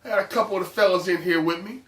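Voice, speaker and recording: Podcast host, man, high bright voice, nasal from a cold, joking and slangy, echoey room, sits back from the mic. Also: racing, far from the mic. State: congested with a winter cold. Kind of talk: casual chat.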